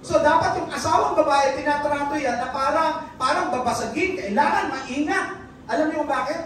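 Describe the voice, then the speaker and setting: A preacher giving a sermon, switching between Tagalog and English and quizzing the congregation. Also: high voice. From Philippines. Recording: very echoey church hall, distant mic, faint noise.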